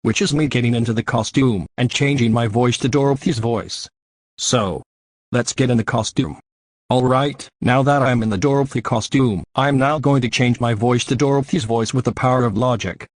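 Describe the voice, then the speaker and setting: A man's voice: mid-range voice, normal speed, no room sound, studio quality, natural voice. A man voicing a delinquent cartoon car, a scheming troublemaker who stiffly narrates his own plans. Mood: determined. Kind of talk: scripted cartoon monologue.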